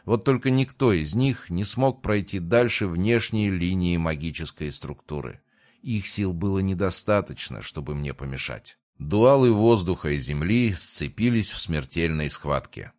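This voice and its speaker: A man narrating a fantasy audiobook in a measured, even reading voice. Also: low voice. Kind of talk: scripted narration.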